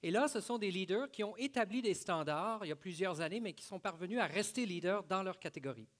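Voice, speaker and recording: A man's voice: sits high, animated, fast talker, a bit bright. A man co-hosts an awards gala. He presents live to the guests as one half of a hosting pair. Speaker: gala co-host.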